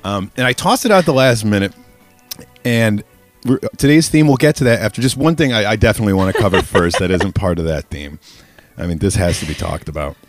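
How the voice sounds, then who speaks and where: A man's voice: on the low side, fairly quick, soft background music. A man hosting a casual, joking podcast outdoors from a backyard deck. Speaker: podcast host.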